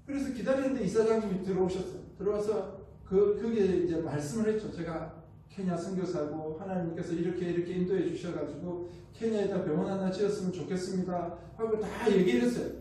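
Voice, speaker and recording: A high-pitched man with a Gyeongsang accent preaches a missionary's sermon, acting out what others said to him. His tone is soft and mellow rather than bright. The recording comes through a booming church hall from a mic set well back, with faint room noise. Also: a little fast, far from the mic. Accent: Gyeongsang Korean. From Gyeongsang region, South Korea. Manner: storytelling with rhetorical questions and acted-out quotes. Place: church sanctuary.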